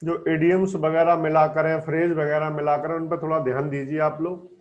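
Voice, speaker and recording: High-voiced man teaching English vocabulary. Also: little pitch movement, brisk. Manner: explains words and quizzes students with questions. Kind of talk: newspaper vocabulary lesson. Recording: dull lo-fi sound.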